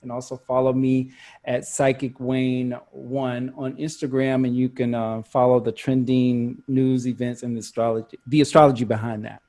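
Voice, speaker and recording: A man's voice: mid-range voice, flat delivery, normal speed, dark tone. A man hosting a talk radio show, chatting casually with guests, laughing often and repeating words.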